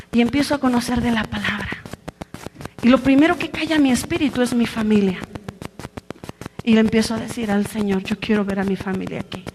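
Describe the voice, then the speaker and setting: A woman pastor preaching a fervent sermon, moving between hushed, intimate passages and loud shouted exhortations. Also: a little high, rough recording.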